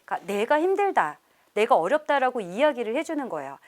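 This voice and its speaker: A middle-aged woman professor giving a lively parenting lecture to a live audience, often laughing and acting out parents' lines. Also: a little high, fast talker. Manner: animated, laughs often, acts out quoted parents. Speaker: professor leading a parenting seminar.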